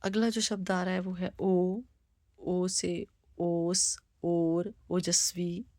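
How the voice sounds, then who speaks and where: A woman teaching vowels, reading words out slowly one by one as a teacher. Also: lowish voice, little pitch movement, warm tone, dry recording, studio quality. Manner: slow, deliberate word-by-word reading. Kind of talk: slow spoken Hindi alphabet lesson.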